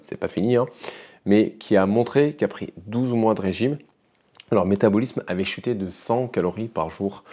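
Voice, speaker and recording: A French-accented man speaks as a weight-loss coach, talking straight to his viewer in a relaxed, conversational way and checking in with a steady "d'accord?". His voice sits on the low side with a mellow, warm tone. The recording is a little muffled. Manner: casual, addresses viewer directly with frequent "d'accord?". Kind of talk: direct-to-camera coaching talk.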